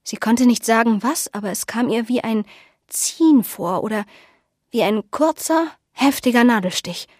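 A woman narrating a novel in measured, scripted audiobook storytelling. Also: on the high side, animated, dry recording, clean studio sound.

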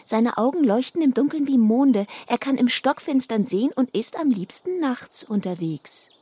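A teasing young elf girl who likes to spook her friend, her voice raised and full of swing, as a woman narrator puts her on. She leans into secretive, knowing tones like a storybook gossip. Soft music plays faintly. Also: on the high side, lively intonation, normal speed, breathy edge, dry recording, pitched above the performer's own voice. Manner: teasing, secretive, hushed at times.

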